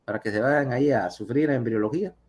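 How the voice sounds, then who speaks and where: A man's voice: mid-range voice, fast, a little mellow. Chatty man giving an online lecture. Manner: chatty, asks listeners questions.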